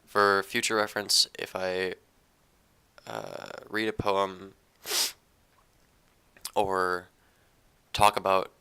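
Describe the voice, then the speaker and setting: A young man, recovering from an illness, who talks in a subdued, hesitant monotone and reads his own poetry. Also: very slow, pauses often, clean tone. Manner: subdued, low-energy and monotone; hesitant, with fillers and restarts. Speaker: poetry channel creator. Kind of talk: casual talk to camera, then poetry reading.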